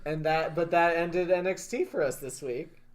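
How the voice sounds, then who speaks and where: A man co-hosting a wrestling podcast, talking excitedly, laughing often and leading the segments. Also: fairly high pitch, moderate pace. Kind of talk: casual chat.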